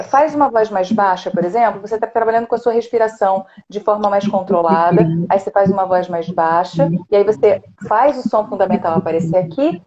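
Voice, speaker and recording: A woman's voice: medium pitch, warm tone, dull audio, slight background noise. A woman with a Brazilian accent, a vocal coach, explaining voice technique in a casual, teacherly way. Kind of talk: casual chat.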